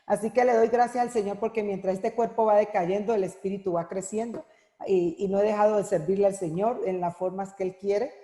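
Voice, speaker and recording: A middle-aged woman giving an earnest, heartfelt personal testimony at an online women's conference, pausing often as she speaks. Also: mid-range voice, mellow, roomy sound, in a large hall. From Colombia. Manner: earnest, heartfelt, halting with frequent pauses. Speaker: women's Bible teacher and speaker.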